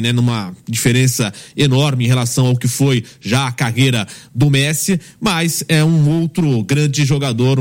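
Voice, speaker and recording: A man hosting a football panel, measured and pausing on fillers. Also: mid-range voice. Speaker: host. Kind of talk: sports panel commentary.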